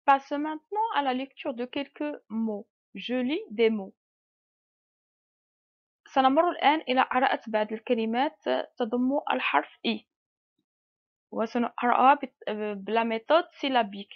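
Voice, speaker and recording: A woman teaching French to beginners, slowly spelling out syllables and mixing Arabic with French. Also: high voice, lo-fi sound. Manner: slow and patient, drawn-out letter sounds, mixes Arabic and French. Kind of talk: slow spoken lesson, spelling out syllables.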